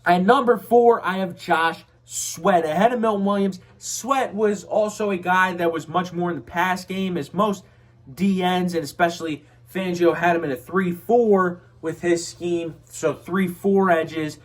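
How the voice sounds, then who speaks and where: A man's voice: sits high, fairly even intonation, unhurried. A young man losing his voice, giving a casual, plain-spoken rundown of football players as a channel host. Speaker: football commentator.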